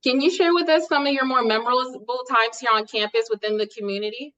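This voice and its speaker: A woman's voice: on the high side, quick pace, fairly bright tone, lo-fi sound. A woman hosting a podcast, reading a scripted intro and asking interview questions in a friendly way. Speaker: podcast host.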